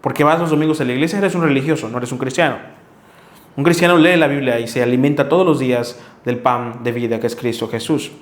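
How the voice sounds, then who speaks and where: A man's voice: mid-range voice, fast talker. A man preaching a sermon, reading Bible verses and earnestly scolding his listeners. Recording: echoey room.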